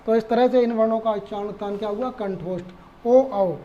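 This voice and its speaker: एक पुरुष शिक्षक जो धैर्य से पाठ समझाता है, बातें दोहराता है और खुद से सवाल पूछता है।. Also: male voice, high-pitched, steady tone, fast talker, lo-fi sound. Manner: patient, repeats points and asks rhetorical questions. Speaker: Sanskrit teacher. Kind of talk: explaining lesson.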